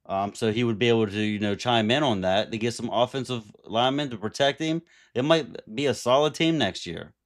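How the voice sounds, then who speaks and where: A man's voice: medium pitch, brisk, few pauses. A man co-hosting a casual sports podcast, blunt and teasing, swearing freely as he talks. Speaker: podcast co-host.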